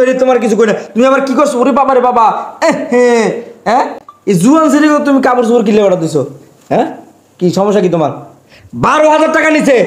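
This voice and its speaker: A man playing a hot-tempered, stingy grown son who berates his mother with a stream of rhetorical questions. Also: extremely high pitch. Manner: scolding, hectoring rhetorical questions. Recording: echoey room.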